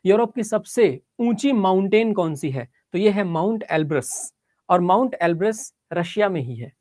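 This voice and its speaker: A woman's voice: medium pitch, animated, moderate pace, dark tone, no room sound, clean studio sound. A woman teacher giving a geography lesson, explaining step by step, checking in with her students and mixing English phrases into her Hindi.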